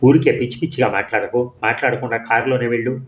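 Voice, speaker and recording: A man's voice: mid-range voice, steady tone, fast, lightly acted. A man voicing an ailing middle-aged wife who pleads and frets, in a storybook reading. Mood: scolding. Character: sick middle-aged wife, tearful and anxious. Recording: echoey room.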